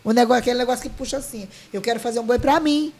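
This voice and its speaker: A high-voiced woman from Maranhão, Brazil, a guest who leads a folk dance group, tells an emotional story very fast in a darkish tone. She is heartfelt, full of restarts and quoted dialogue.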